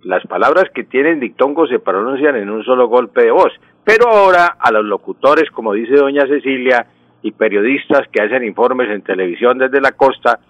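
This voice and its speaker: A man's voice: mid-range voice, fairly bright tone, no room sound, lo-fi sound. A Colombian man, a language expert on a radio call-in show, patiently explains pronunciation rules and stretches out the example words. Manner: didactic, drawn-out example words. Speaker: language expert answering listener questions.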